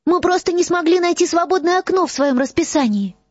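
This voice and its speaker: A man's voice: very high voice, fairly quick, no echo, muffled recording, pitched above the performer's own voice. A man voicing an anxious, earnest teenage schoolgirl in an audiobook, frightened and trembling. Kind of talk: audiobook character voice.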